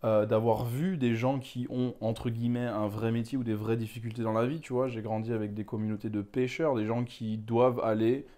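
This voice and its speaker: A man's voice: mid-range voice, flat delivery, fairly quick, few pauses, warm tone. A young man from Ghana, a manga author, talking candidly and reflectively in an interview, rambling with frequent filler asides. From Ghana, West Africa.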